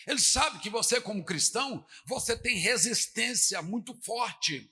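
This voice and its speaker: Brazilian man, pastor, dramatic sermon, high and sharp, long church-hall reverb. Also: expressive, measured pace, slightly rough. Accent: Brazilian Portuguese. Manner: dramatic, swings from shouting to low asides.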